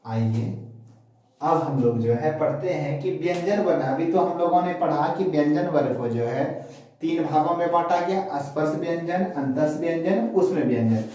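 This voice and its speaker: A man teaching Sanskrit grammar online, asking questions and then answering them himself, slowly drilling syllables. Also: fairly high pitch, warm tone. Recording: very echoey, voice far from mic.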